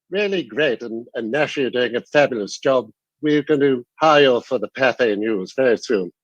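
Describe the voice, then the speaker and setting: A man doing a jovial 1920s newsreel announcer, all clipped, hearty old-fashioned delivery. The sound is dull and muffled, like a lo-fi capture. The voice sits at a middling pitch. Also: dry recording, close to an everyday voice.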